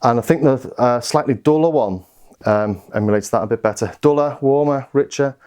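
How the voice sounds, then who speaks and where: Over faint background music, a man gives a casual, understated synth demonstration, reviewing the instrument and thinking aloud as he goes. His voice is medium in pitch and a little mellow, and he keeps a moderate pace.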